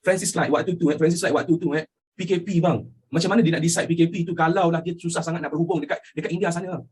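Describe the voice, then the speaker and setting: A young Malaysian man teaching history with a Malaysian accent, animated and constantly asking his students questions. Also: fairly high pitch, fast talker. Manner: animated, asks students questions constantly, mixes in English phrases. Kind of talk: lively classroom lecture.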